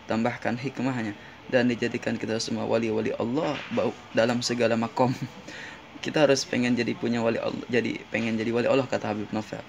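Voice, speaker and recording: A man's voice: mid-range voice, vocal fry, slight background noise. A man giving a casual Islamic sermon, reciting Arabic sayings and translating them, often asking his listeners if he's right. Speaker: preacher. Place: in Jeddah.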